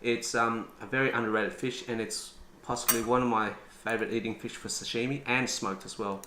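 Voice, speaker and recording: A man hosting a casual cooking demonstration, chatty and relaxed with frequent ums. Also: mid-range voice, a little fast, reverberant, background noise. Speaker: cooking channel host.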